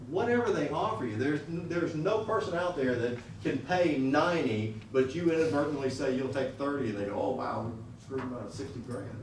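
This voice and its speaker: A man's voice: on the high side, noisy background. A man teaching a class on salary negotiation in a blunt, conversational way, often asking the students questions. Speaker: lecturer. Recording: echoey room audio recorded from a distance.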